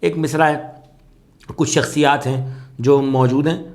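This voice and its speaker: Measured male soz teacher explaining. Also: medium pitch, fairly even intonation, a little mellow. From Pakistan. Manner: explanatory, measured, with frequent fillers. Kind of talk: spoken lesson.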